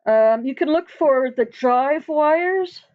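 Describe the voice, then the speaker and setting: A woman with a fairly high voice chats unhurriedly with her viewers on a live stream. She rambles, laughs often and leaves sentences unfinished. The stream audio sounds dull and lo-fi. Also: expressive, slow. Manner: chatty, laughs often, trails off mid-sentence. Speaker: livestream host. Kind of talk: casual live chat with viewers.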